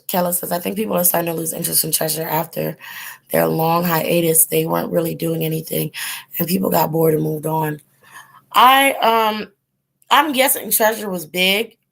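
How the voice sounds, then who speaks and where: The host of a tarot channel chats with live viewers on a casual livestream, rambling with many ums and likes while her voice gives out. Her voice is lowish, creaky and a bit bright.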